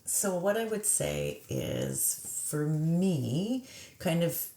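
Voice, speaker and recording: A woman talking in a casual, reflective podcast conversation, measured and pausing often. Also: deep voice, huge pitch swings, mellow, echoey room. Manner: reflective, measured, with frequent pauses and fillers.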